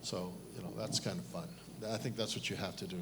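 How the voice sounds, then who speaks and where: Middle-aged Taiwanese-born panelist, lowish voice, candid and self-mocking. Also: male voice, fairly even intonation, fairly quick, noisy background. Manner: candid, self-deprecating, many restarts. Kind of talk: fireside chat on stage.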